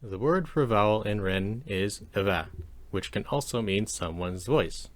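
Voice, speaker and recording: A man teaching a language lesson over slides, explaining calmly and slowing down to demonstrate sounds. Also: lowish voice. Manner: calm, measured explanation with slow demonstrations of sounds.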